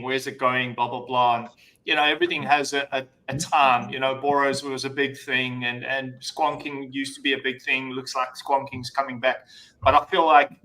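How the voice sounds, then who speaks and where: A man who runs a brand, chatting casually on a panel in an animated, sweary way. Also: medium pitch, rough recording. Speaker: vape brand owner.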